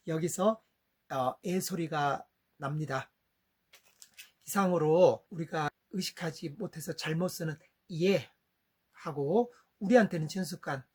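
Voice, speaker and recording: Man, middle-aged, husky voice, slightly high pitch, patient explainer, teaching English vowels. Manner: patient, explains step by step and says English words slowly. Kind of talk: lesson on English vowel sounds.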